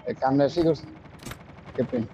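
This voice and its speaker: A man with a colloquial Bangladeshi Bengali accent talking as a teammate in a shooter game, giving quick, urgent calls. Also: mid-range voice, dark tone, muffled recording, a little hiss or hum. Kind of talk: casual gaming chat.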